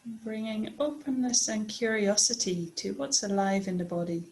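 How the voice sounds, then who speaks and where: Her medium-pitched voice comes through poor audio as she leads a body scan meditation. She's a teacher who speaks softly and slowly, with long silences between phrases.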